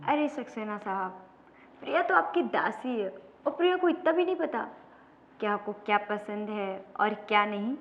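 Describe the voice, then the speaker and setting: A woman playing a scheming, flattering female boss in a low-budget crime drama, coaxing and self-assured. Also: normal speed, natural voice. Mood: coaxing flattery. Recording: roomy, echoing, dull low-budget sound.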